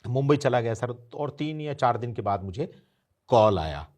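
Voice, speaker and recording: A man's voice: mid-range voice, expressive, unhurried, a little mellow. A man in his fifties, an interview guest, telling an anecdote and acting out the voices of the people he quotes. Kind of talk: storytelling anecdote.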